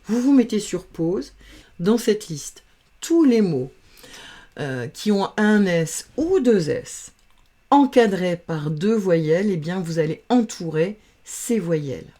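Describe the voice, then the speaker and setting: A woman teaching reading, patiently sounding out letters and syllables in a slow phonics lesson. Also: lowish voice, expressive, warm tone.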